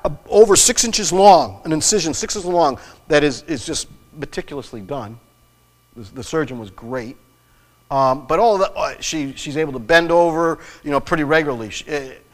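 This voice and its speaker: A man's voice: high voice, a bit bright, in a large hall. A middle-aged man preaching a sermon in a church, telling a personal story in an earnest way with frequent restarts. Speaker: pastor. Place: church sanctuary.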